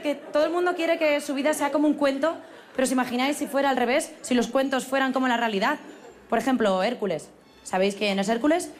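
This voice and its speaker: A woman's voice: medium pitch, slight background noise. A woman from doing a crude, sarcastic stand-up comedy routine.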